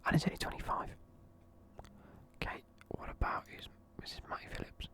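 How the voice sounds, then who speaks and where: A man's voice: fairly quick, a bit bright. A young man in a casual video, whispering sleepily as he reviews football teams and swears offhandedly. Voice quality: whispering throughout. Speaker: video creator.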